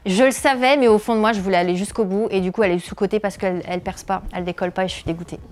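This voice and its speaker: Racing along in a steady, slightly mellow medium-pitched voice, a woman in her thirties fields interview questions. She's a comedian and video creator from northeastern France, and she hesitates often, filling gaps with many filler sounds.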